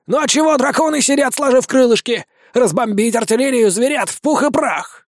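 A man voicing a cowardly, greedy male vampire bat mercenary, squeaky and fretful. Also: a little fast, no echo, clean studio sound. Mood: anxious whining. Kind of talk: audiobook character voice.

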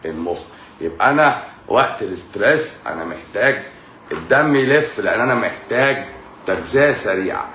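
A man's voice: on the low side, expressive, brisk, bright, forceful tone, a little hiss or hum. A man with an Egyptian Arabic accent, a doctor giving a casual live-stream medical lecture, often repeating key words back as questions. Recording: echoey room, faint music.

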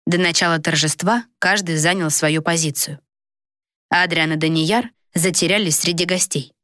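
Female storyteller, low-ish voice, steady read, dry booth sound. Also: normal speed, no echo. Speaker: narrator. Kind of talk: audiobook narration. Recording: dry close recording.

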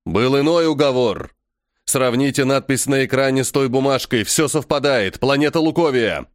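A cold alien official snaps out curt explanations and hurries everyone along, as a man reading the audiobook puts him on. His voice sits lower than the narration and sounds dry and close. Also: normal speed, no room sound, close to an everyday voice. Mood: insistent. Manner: curt, impatient, lecturing.

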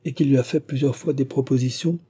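A man reading an audiobook, voicing a scheming middle-aged mother who is the vicar's wife, eager and coaxing, with a dark, husky voice. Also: medium pitch, steady tone, fast talker, pitched above the performer's own voice.

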